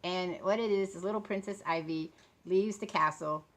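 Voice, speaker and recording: Tired lady late 50s, lowish voice, rambly vlog chat, talking a bit funny w a swollen lip and sore throat. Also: moderate pace, a bit bright. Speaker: vlogger talking about books and authors.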